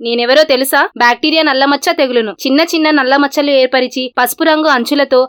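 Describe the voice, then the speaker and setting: A woman's voice: sits high, fairly even intonation, fast talker, a bit bright. Woman voicing a taunting crop pest. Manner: mocking, taunting. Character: mealybug and bacterial blight, mocking pests.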